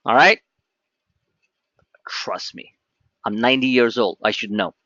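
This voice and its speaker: A middle-aged man hosting a trading webinar, talking in an animated, pushy salesman patter as he walks through charts. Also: mid-range voice, unhurried, dry recording, muffled recording. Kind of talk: live trading webinar talk.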